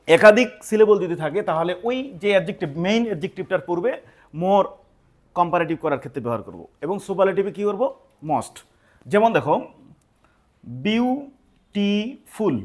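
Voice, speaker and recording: A man teaching English grammar, explaining step by step and often checking that listeners follow. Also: sits high. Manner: patient, repeats points with check-in questions.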